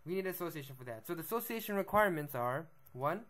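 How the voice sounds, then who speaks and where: Young male b-boy vlogger, a little high-pitched, laid-back lecture tone, constant "right?" check-ins. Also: expressive, racing, fairly bright tone. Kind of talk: casual explanatory monologue.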